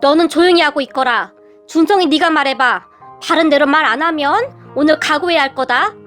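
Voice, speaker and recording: A stern, commanding father-in-law, as a woman puts him on, firm and angry. He is voiced fairly high in a storybook reading. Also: fairly quick, fairly bright tone, faint music behind.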